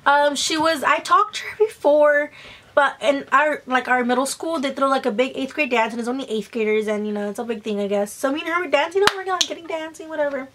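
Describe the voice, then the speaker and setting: Young girl vlogger w high voice, gossipy storytime, rambly slangy chatting, swears, roasts herself. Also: brisk, fairly bright tone. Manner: acts out quoted dialogue.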